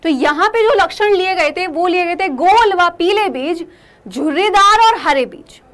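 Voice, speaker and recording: A young woman with a very high voice teaches a class. She asks her students questions, answers them herself, and keeps repeating the key terms. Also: animated, unhurried, fairly bright tone.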